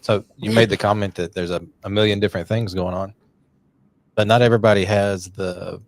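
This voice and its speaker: A man's voice: lowish voice, fairly even intonation, brisk, dry recording, rough recording. A middle-aged man hosting a podcast, talking in an earnest, encouraging, rambling way. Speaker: podcast host. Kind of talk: casual podcast conversation.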